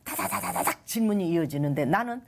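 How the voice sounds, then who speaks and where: Older female guest, low-pitched, expressive and dramatic in her delivery, telling a personal faith story on a talk show. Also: fast talker, vocal fry. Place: TV studio.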